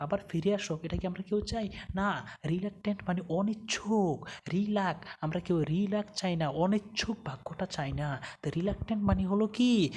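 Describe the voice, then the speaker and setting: Woman teacher, low pitch, husky tone, quizzes then answers herself. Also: a little mellow. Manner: asks questions and answers them herself. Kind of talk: vocabulary lesson with memory tricks.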